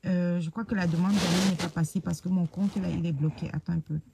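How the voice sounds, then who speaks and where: A woman hosts a casual live stream, speaking hesitantly and filling gaps with "euh" while she searches on her phone. Her voice is fairly low, steady and creaky, with background noise present.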